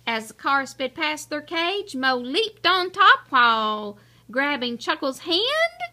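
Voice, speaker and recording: Expressive slow woman reading a picture book. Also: high voice. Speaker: storybook reader.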